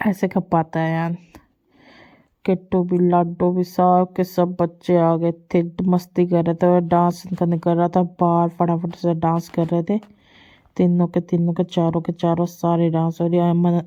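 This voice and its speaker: A woman with a lowish, mellow voice narrates a casual vlog over family clips, speaking a little slowly and in a monotone, and the sound is lo-fi. She's a mother and vlogger, doting and chatty, rambling about her kids' antics and repeating herself as she goes.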